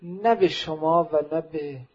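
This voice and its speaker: A bold elder warrior shouts for his comrades and pledges everything, loud and commanding, as a male preacher acts him out. The voice is husky and fairly high. The recording is dull and lo-fi. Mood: rallying. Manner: loud commanding quoted calls. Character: elder male warrior rallying companions boldly.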